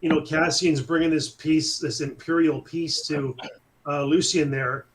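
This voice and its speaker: Casting: male panelist, fairly high voice, excitable and stumbling. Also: unhurried, a little hiss or hum, rough recording. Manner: excitable, stumbles over words. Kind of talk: casual chat.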